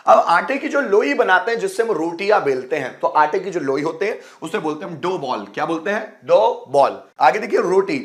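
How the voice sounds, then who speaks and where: Male tutor, high voice, quizzes each word back, spells terms out slowly, friendly teacher. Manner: repeats each word with a quiz-style question; spells words out letter by letter slowly. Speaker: English teacher. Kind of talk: bilingual vocabulary lesson.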